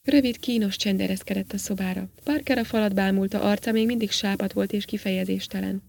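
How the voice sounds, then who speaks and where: A woman narrating a story in an even, measured audiobook reading. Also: mid-range voice, creaky.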